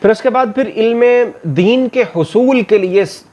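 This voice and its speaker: A male scholar gives a religious lecture, reciting verses in a slow measured chant and then explaining them plainly. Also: high voice, darkish tone. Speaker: Islamic scholar. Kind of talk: religious lecture summarizing scripture.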